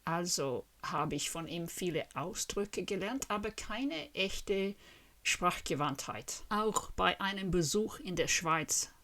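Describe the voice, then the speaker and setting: Her voice is on the low side, a bit bright and animated, and she speaks slowly. She's a native English speaker in her fifties from Western Australia with an Australian accent, earnestly and carefully addressing the camera in the language she's learning and putting questions to her viewers.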